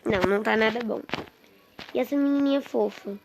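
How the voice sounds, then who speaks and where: Girl gaming on facecam, keeps getting mad, bit high pitched, lots of background noise and clicking. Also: a little fast, vocal fry, highs cut off. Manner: excitable, exasperated, chatty with viewers. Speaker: gaming streamer. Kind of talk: casual gameplay commentary. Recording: noisy with clicks.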